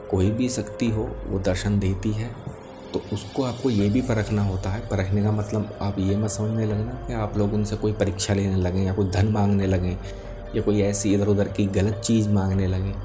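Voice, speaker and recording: Calm, low-voiced man teaching over music. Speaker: spiritual teacher. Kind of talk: spoken religious explainer to viewers. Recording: music behind the voice.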